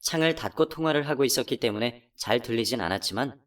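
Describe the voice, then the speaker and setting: A woman plays a betrayed wife who tells her own story in a radio drama. Her pitch swings widely as she accuses and pleads. The mic sits a little distant. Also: animated, quick pace. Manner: emotional, accusing, pitch climbing when upset. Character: betrayed wife, hurt and furious. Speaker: narrator and voice actor. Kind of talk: first-person radio drama narration.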